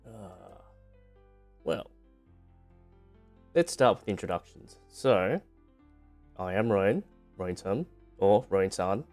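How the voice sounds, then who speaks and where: A man's voice: lowish voice, animated, slow pace, pauses often, darkish tone. A man streaming in a casual, rambling, informal way, lightly self-deprecating as he talks to his viewers. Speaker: VTuber streamer on debut stream. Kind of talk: casual livestream chat. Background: background music.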